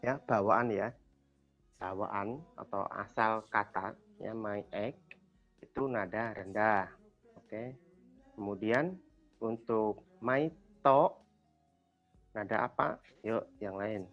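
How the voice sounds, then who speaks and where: A man's voice: lowish voice, slow, pauses often, highs cut off, soft background music. A man teaching a language class over a video call, quizzing students and patiently repeating their answers. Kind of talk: online class lesson.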